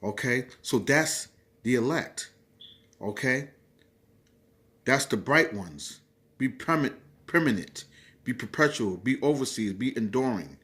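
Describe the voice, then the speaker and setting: A man preaching a sermon, driving his points home with repeated "okay?" checks and growing louder and more forceful as he goes. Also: mid-range voice, expressive, unhurried, pauses often. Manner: repeats "okay?" often, emphatic and insistent.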